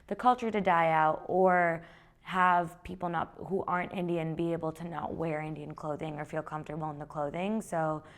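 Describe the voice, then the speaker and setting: At a moderate pace and in a low register, the young founder of a clothing brand chats easily through an interview about her own story. She sounds relaxed and conversational.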